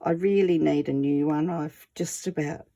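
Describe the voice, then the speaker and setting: A woman's voice: deep voice, steady tone, moderate pace, mellow. A woman with a wheezy voice, short of breath, chatting casually and easygoing as she presents a hands-on art tutorial. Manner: chatty, easygoing, self-deprecating.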